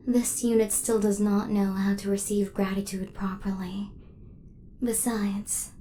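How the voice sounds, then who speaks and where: A woman performs a soft ASMR roleplay as a protective, devoted hunter robot, choosing precise and formal machine-like language. Her pitch is mid-range and natural, accompanied by a little hiss or hum.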